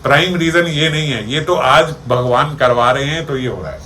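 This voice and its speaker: A man's voice: mid-range voice, moderate pace, sharp tone. Male spiritual teacher, mid-range voice, talking with listeners in an echoey hall, light ambient noise. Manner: conversational, explains with everyday examples, checks listeners follow. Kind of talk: devotional discourse. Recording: echoey room with faint ambience.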